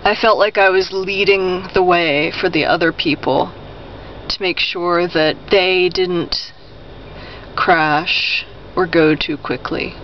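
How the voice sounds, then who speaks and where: A man talking quietly and casually to himself in a subdued late-night way, recorded inside a parked car. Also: high-pitched, fairly even intonation, slow. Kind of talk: casual personal monologue. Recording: dull, noisy handheld recording in car.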